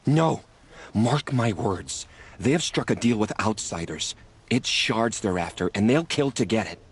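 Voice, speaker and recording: A man playing an aggrieved, excitable herb gatherer in a video game, with a dramatic, indignant delivery. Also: lowish voice, unhurried, breathy edge, heavily acted. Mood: agitated, ominous. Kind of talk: video game dialogue acting.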